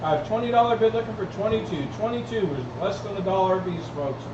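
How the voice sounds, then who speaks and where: Male auctioneer, high-pitched, repetitive bid calling, live auction patter, roomy noisy recording. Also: fast. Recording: roomy, distant mic, dull, clearly noisy.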